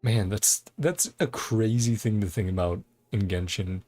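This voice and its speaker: Unhurried and a little mellow, the low voice carries relaxed, meandering livestream commentary full of chuckles. The recording has no echo, and game music plays in the background.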